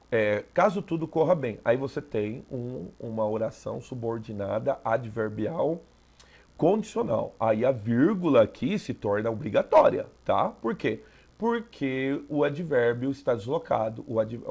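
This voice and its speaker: A man's voice: mid-range voice, expressive, unhurried, creaky, a little mellow. A Brazilian man going through an exam as a teacher, explaining step by step and often checking in with the listener. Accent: Brazilian Portuguese. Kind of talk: exam review lesson.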